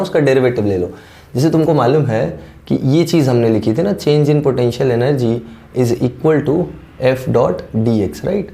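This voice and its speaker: Hoarse male physics teacher, mellow voice. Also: mid-range voice. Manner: explains step by step, keeps checking understanding with "correct?". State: sore throat, clearing it now and then. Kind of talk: classroom-style lecture, Hindi mixed with English terms.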